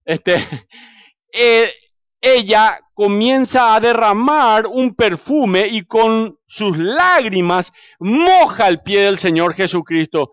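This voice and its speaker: A man with a Paraguayan accent preaching a sermon, telling stories animatedly, swinging from loud to hushed and asking the congregation questions. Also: high-pitched, animated, slow, smooth, no echo, clean studio sound. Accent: Paraguayan Spanish.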